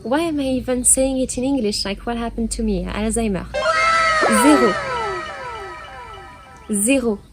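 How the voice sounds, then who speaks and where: A young French woman teaching her language in a casual video lesson, playful, laughing often and drilling words slowly for learners to repeat. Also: a little high, over loud music.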